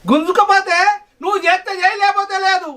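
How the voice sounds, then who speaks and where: Middle-aged village husband, played by a man: Telangana Telugu accent, high voice, exasperated and placating. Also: fairly even intonation, brisk, bright, forceful tone. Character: weary, peace-keeping village husband and farmer. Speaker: village father-in-law. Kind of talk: village short-film acting. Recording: background music under dialogue. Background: film music.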